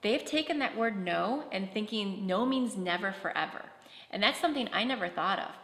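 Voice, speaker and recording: A woman's voice: medium pitch, lively intonation, fairly quick, a bit bright. A woman presenting a practical workshop talk at a conference, explaining with concrete classroom examples. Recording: echoey hall.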